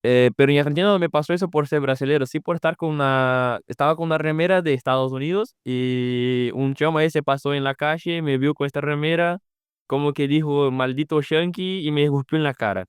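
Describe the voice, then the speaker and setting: A young Brazilian man, a native Portuguese speaker and former exchange student, answers a podcast interview in Spanish with a Brazilian Portuguese accent, hesitating and searching for words. His voice is fairly high and smooth, and he talks a little fast. The recording is dry and studio quality.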